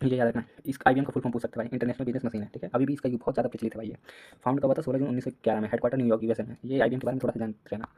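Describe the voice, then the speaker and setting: Fast-talking husky young male tutor. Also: mid-range voice, little pitch movement, darkish tone. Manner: rapid, repetitive, casual, addresses students as "bhai". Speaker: exam-prep teacher. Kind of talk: fast late-night revision lecture.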